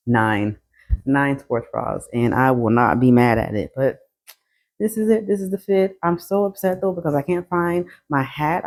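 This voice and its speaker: A woman vlogs casually into her phone, her voice low and steady. She laughs often and sighs between her thoughts, and she is a little out of breath from walking. The sound is dry and close, with no room echo. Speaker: vlogger. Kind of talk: casual chat. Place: outdoors on a roadside sidewalk.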